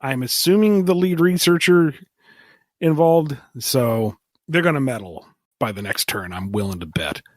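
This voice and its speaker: Lively man pleading his case. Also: medium pitch, a little slow, no room sound, studio quality. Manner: earnest, persuasive, speaks in bursts. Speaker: player. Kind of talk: tabletop game banter.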